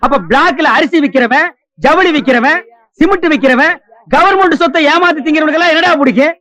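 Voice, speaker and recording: An actor playing a sharp-tongued man who mocks beggars in an old film comedy scene, scolding and sarcastic. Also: very high-pitched, fast. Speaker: comic actor.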